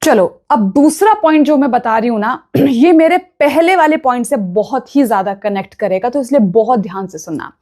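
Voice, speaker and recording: A woman's voice: fairly high pitch, expressive, normal speed, hardly any pauses, mellow. A woman vastu consultant giving earnest, instructive advice straight to her viewers, often checking that they follow. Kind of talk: direct-to-camera advice talk.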